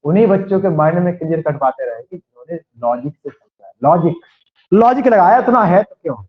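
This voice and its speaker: A man's voice: on the high side, animated, brisk. A man with a western Uttar Pradesh Hindi accent teaching a maths class, quizzing his students and repeating the key points. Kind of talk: classroom lecture. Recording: echoey, dull lo-fi classroom recording.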